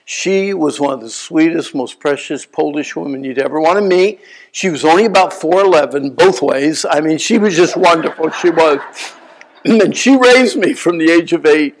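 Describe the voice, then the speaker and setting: A man in his sixties preaching a sermon, telling stories with animated swings between loud bursts and quiet asides. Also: on the high side, moderate pace, rough recording. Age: 60s. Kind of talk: sermon storytelling.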